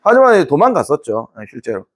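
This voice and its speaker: Playful male history teacher, high and animated, lecturing to a class. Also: quick pace. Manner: playful, acts out quotes, laughs often.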